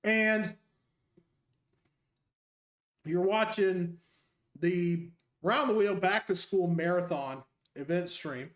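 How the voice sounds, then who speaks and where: High-voiced joking male game streamer. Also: slow pace, reverberant. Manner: jokey, rambling, self-mocking. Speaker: streamer and high school English teacher. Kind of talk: casual gameplay commentary.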